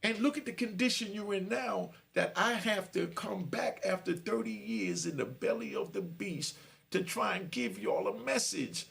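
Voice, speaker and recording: A man's voice: sits high, moderate pace, vocal fry, fairly bright tone. A man in his fifties, a former prisoner, talking straight to camera and preaching warnings to young listeners. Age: 50s. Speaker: prison storyteller. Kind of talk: direct-to-camera monologue.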